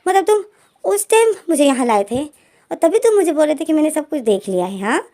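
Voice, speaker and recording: A woman putting on a young man in a storybook retelling, who keeps gasping in shock and sputtering indignant protests. His voice rides well above the narrator's and comes out louder, with stammers when he is cornered. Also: very high-pitched, big pitch swings, brisk, pitched above the performer's own voice, heavily acted.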